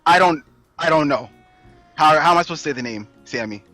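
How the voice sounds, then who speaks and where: A man co-hosting a podcast, talking in a playful, animated, jokey way. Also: a little high, brisk, no echo, faint music behind, poor audio. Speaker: podcast co-host. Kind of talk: casual podcast banter.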